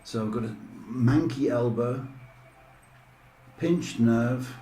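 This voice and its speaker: Speaking slowly in a warm, medium-pitched voice, a middle-aged man hosts a live stream full of casual, rambling, jokey chat. The room sounds echoey, with faint noise in the background.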